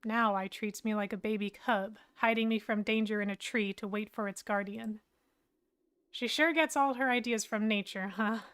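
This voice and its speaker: A woman narrating a story in first person, in a reflective, even-paced way. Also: mid-range voice, moderate pace, smooth.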